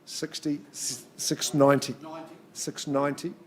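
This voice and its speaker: A man's voice: medium pitch, flat delivery, measured pace. A man working as an auctioneer at a live property auction, mixing clipped, repeated number calls with chatty patter. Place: in-room auction.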